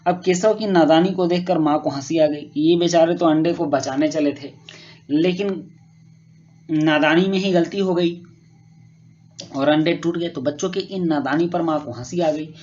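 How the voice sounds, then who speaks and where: A male teacher patiently explaining a school worksheet to children, often pausing with fillers and rephrasing. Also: fairly high pitch, a little mellow. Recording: muffled lo-fi recording.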